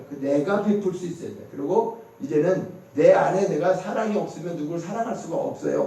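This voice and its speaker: A high-voiced male pastor preaches with a mellow, dark tone. He keeps asking the congregation questions and answering them himself. The sound is very echoey and distant, as if picked up from across the church. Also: gravelly. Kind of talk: sermon. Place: church sanctuary.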